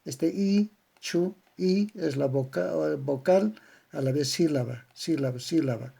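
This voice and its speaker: A man with a Bolivian accent giving a slow, methodical grammar lesson, spelling out syllable patterns word by word. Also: on the high side, gravelly, warm tone, husky. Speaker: language teacher. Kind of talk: slow didactic lecture on grammar.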